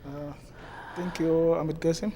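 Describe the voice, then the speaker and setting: A man with a South Sudanese accent answers interview questions in a halting way, pausing often. His voice sits fairly high and stays flat, with a gravelly, mellow edge. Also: slight background noise. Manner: halting, many hesitations. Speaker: guest, community association president.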